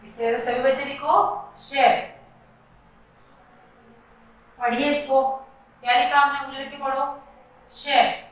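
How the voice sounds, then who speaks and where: A woman's voice: high-pitched, flat delivery, takes it slowly, long pauses. A woman kindergarten teacher guiding children through writing letters step by step, with patient instructions and questions for them to repeat. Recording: very echoey room, voice far from mic.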